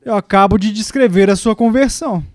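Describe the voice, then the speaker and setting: High-voiced man preaching in a dry room. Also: brisk, a little mellow, no room sound. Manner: storytelling with acted quotes, rising pitch in the quoted lines. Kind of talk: sermon.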